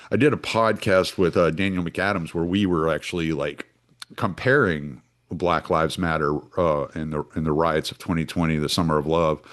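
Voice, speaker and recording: A man, hosting a solo podcast in a rambling, casual way full of restarts and fillers. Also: a bass voice. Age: 40s. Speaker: podcast host.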